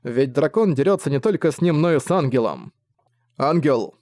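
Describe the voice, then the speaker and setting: A man's voice: on the high side, lively intonation, a little fast, mellow, dry recording. Man narrating, dry close sound. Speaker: audiobook narrator. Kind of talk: scripted narration.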